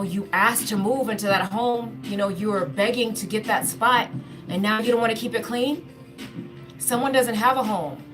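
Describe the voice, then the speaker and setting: Earnest woman giving a spiritual talk over music. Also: medium pitch. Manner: earnest, repetitive, often addresses listeners as y'all. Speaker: spiritual speaker. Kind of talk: spiritual pep talk to viewers.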